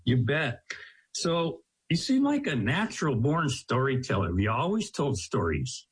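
Husky, expressive American radio host. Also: male voice, mid-range voice, a little slow. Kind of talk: scripted radio introduction and interview.

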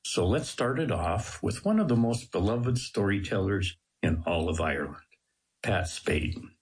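A man's voice: fairly low pitch, lively intonation, moderate pace, husky, low-quality recording. An American man hosting a radio show with polished, dramatic presenter phrasing. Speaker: radio guest host. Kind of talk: scripted radio introduction and interview.

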